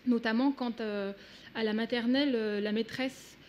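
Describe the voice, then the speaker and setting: Woman author with Russian as her first language, thoughtful and halting, slightly high voice. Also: steady tone, lo-fi sound, a little hiss or hum. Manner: searching for words, many hesitations. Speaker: author guest. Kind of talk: reflective talk. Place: event hall.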